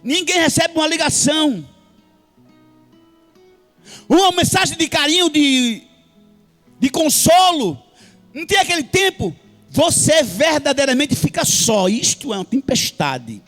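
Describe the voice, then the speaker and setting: A man's voice: very high-pitched, big pitch swings, measured pace, pauses often, fairly bright tone. A man preaching a sermon in church with a Brazilian Portuguese accent, impassioned and sing-song, with frequent hallelujahs. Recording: faint music behind.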